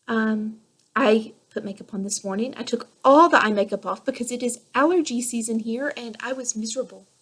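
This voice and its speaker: A woman's voice: fairly high pitch, fairly bright tone. Chatty woman podcast host. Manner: chatty, rambling, enthusiastic. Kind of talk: casual solo podcast chat.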